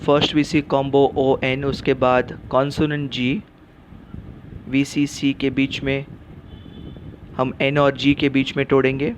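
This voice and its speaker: Patient man spelling words out slowly. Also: mid-range voice, dull audio, slight background noise. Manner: mixes Hindi and English. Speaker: English teacher. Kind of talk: spoken phonics lesson.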